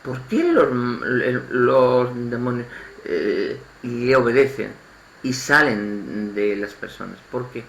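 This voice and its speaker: Man, Spanish accent, informal sermon, gravelly voice, echoey room with faint ambience. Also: medium pitch, very animated, slight background noise. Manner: halting, repeats words, restarts phrases. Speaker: lay preacher.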